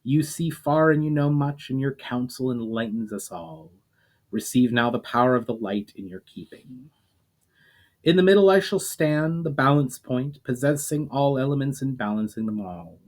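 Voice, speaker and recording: In a measured way, a man voices a solemn male leader who grants elemental powers to his friends. His voice is natural and medium in pitch.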